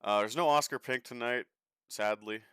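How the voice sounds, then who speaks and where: A man's voice: mid-range voice, moderate pace, a bit bright, clean tone, no echo, clean studio sound. A young man casually talking through a sim racing live stream, chatty and swearing freely with an offhand joking manner.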